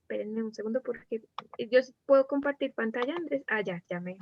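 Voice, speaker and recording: A woman's voice: fairly high pitch, a little fast, noisy background. A woman teacher with a Colombian accent giving an online class over a video call, asking her students many questions and acting out different tones of voice. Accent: Colombian Spanish. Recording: dull lo-fi video call audio.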